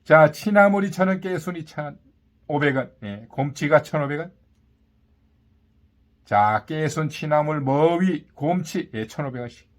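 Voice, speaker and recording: A man with a slightly high voice delivers a live market vendor's sales pitch. He calls out items and prices in short, punchy phrases, repeating them and tossing in boastful catchphrases to sell the deal. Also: animated, a little slow. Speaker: market vendor announcing produce and meat prices. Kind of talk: live sales patter, calling out prices and specials.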